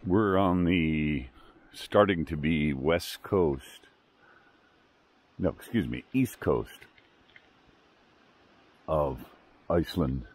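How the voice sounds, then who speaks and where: A man in his sixties chatting casually in a travel vlog, relaxed and enthusiastic, recorded outdoors on a camera mic. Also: very deep voice, extremely slow, long pauses, breathy edge. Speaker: travel vlogger. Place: outdoors by a glacier lagoon and roadside.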